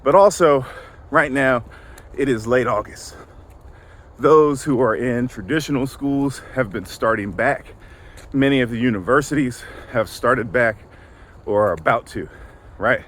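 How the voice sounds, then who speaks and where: A man's voice: medium pitch, unhurried, pauses often, fairly bright tone. A man talking casually while walking outdoors, out of breath and sighing between phrases. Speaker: vlogger. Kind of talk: casual walk-and-talk vlog.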